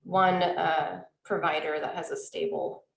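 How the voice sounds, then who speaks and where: A low-voiced woman with a Wisconsin accent talks about her life as a podcast guest. She is chatty and laughs easily. Her voice comes with a noticeable room echo. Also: sing-song, measured pace, vocal fry. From Wisconsin, US Midwest. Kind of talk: casual interview chat.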